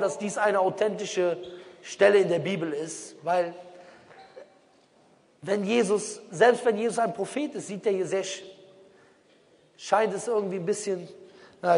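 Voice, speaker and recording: Male preacher, higher pitch, rhetorical questioner, stage talk with long reverb. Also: creaky. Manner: rhetorical, keeps asking questions. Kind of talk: public religious talk to a crowd.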